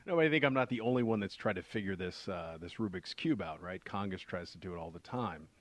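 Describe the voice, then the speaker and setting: A man's voice: deep voice, lively intonation, brisk, no echo. A man giving a conversational explanation as a financial adviser on a radio show, using rhetorical questions and repetition for emphasis.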